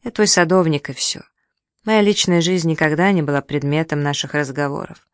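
An audiobook reader voicing an earnest young gardener who pleads and tries to hold himself back. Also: male voice, fairly high pitch, steady tone, moderate pace, clear, resonant tone, no echo, clean studio sound, lightly acted. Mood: pleading. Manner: pleading, restrained. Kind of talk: audiobook dialogue.

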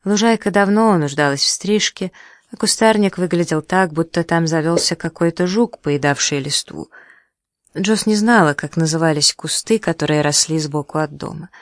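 Measured audiobook narrator, dry recording. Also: medium pitch, no echo.

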